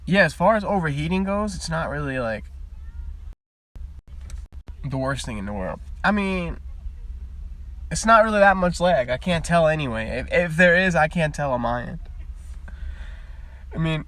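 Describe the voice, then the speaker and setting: A man's voice: on the high side, lively intonation, normal speed, pauses often, a bit bright. A young man streaming live from his parked car at the beach, chatting casually and wandering from topic to topic, picked up by a phone mic. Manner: rambling, chatty, easily sidetracked.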